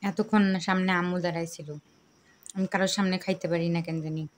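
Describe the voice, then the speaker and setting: A woman vlogger from Rangpur, Bangladesh, talking softly and casually to the camera at a meal at home. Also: on the low side, steady tone, fast. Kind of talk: casual chat to camera while eating.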